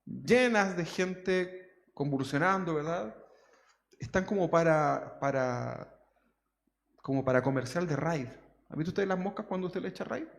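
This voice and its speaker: Pastor, gravelly voice, reverberant hall. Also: male voice, a little high, measured pace. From Chile. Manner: constantly adds tag questions to the congregation. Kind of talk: conversational sermon. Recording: long church hall reverb.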